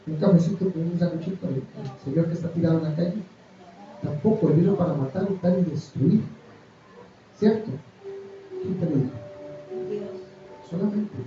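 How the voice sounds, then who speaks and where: A pastor preaching a sermon, firing rhetorical questions and reading scripture aloud. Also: male voice, fairly high pitch. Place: church hall. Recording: distant echoey church recording, dull.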